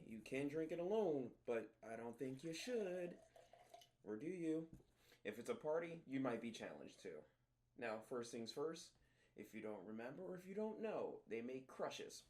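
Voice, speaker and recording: A man's voice: medium pitch, a little mellow. A man giving a comedic drink review in a wry, offhand and self-mocking way.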